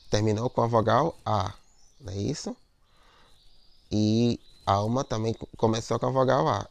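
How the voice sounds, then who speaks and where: A man with a gravelly, mid-pitched voice teaches a lesson on poetic meter. He explains patiently, repeats himself and keeps checking in with his listeners. The recording is dry and close. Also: darkish tone, dry recording. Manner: explanatory, repeats words, frequent "né?" and "ó".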